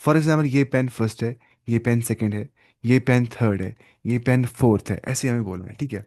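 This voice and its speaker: A man's voice: mid-range voice, a little mellow, no echo. Patient male Arabic teacher, dry sound. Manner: explains slowly, switching between Urdu, Arabic and English, often repeating words. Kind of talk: online class teaching.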